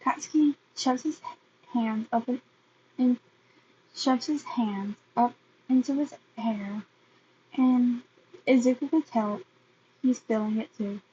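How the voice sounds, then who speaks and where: A woman reads fan fiction aloud in a fairly high voice, slowly and with frequent restarts. The recording is slightly dull, with a faint hiss underneath. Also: warm tone.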